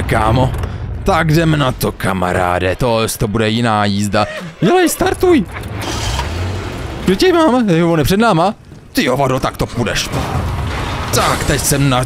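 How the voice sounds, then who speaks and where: A young man commenting on his own gameplay in a let's play, animated, swearing and laughing often. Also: mid-range voice. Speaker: gamer, let's play host.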